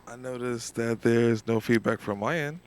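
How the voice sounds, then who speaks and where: A man's voice: medium pitch, moderate pace, clean tone. A man co-hosting a live podcast, teasing his partner and laughing often. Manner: teasing, laughs a lot, profane. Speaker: podcast co-host. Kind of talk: casual live podcast chat.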